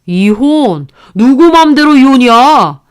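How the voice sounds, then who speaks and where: A woman's voice: sits high, lively intonation, takes it slowly, clean tone, pitched above the performer's own voice. A woman doing a stubborn, dismissive husband. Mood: defiant. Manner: dismissive, defiant. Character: stubborn, defiant husband, adult man.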